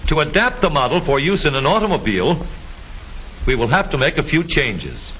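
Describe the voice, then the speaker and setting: A man narrates a vintage 1950s educational film in a bright, forceful voice with very lively intonation. He explains step by step in scripted, deliberate phrases. The old soundtrack carries a faint hiss. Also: on the high side, low-quality recording.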